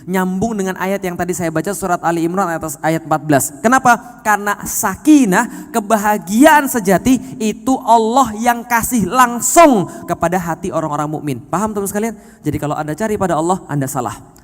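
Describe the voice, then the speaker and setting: A man giving an animated sermon to an audience, often asking them questions and swinging from soft to loud. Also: sits high, a little fast, long reverb tail. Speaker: preacher.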